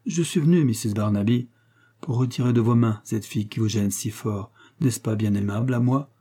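A man voicing a dignified, witty old aunt who speaks calmly and affectionately in a storybook reading. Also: medium pitch, normal speed, slightly rough, lightly acted. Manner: calm, affectionate, dryly witty.

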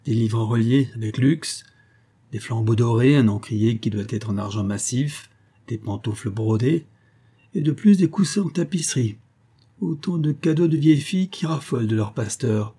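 A man's voice: medium pitch, lively intonation, normal speed, dark tone, breathy edge. A man voicing a sardonic, insolent male drifter in his mid-thirties, mocking and pushy. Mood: sneering.

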